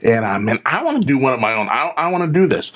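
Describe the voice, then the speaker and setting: Male guest, mid-pitched, upbeat joker, casual conversational style. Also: big pitch swings, fast talker, a bit bright. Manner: jokey, enthusiastic, tells comic bits. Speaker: guest, internet radio co-host. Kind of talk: casual chat.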